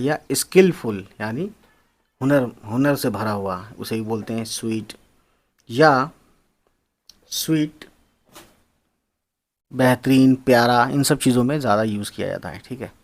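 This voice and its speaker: A man teaching English slang words, spelling them out and repeating them in a casual explanatory lesson. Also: mid-range voice. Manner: spells words out and repeats phrases, addresses viewers as friends.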